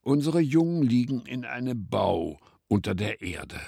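Man doing a friendly curious bunny voice, kinda loud and bouncy. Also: mid-range voice, sing-song, a little slow, gravelly, husky, dry recording, studio quality, voice pushed up, full character voice. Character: curious friendly young rabbit.

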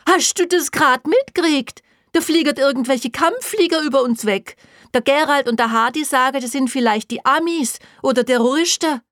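Woman narrator voicing an excitable young gossip; high, breathless, high-strung, dry close audio. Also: moderate pace, no echo. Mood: excited.

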